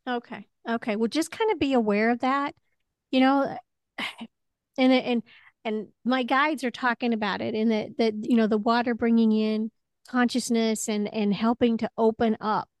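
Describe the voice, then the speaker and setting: A woman with a slightly high voice talks one-to-one as a spiritual coach. She offers gentle, reassuring guidance in a conversational way. The sound is very dry, with no room around it. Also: fairly even intonation, moderate pace, dry recording.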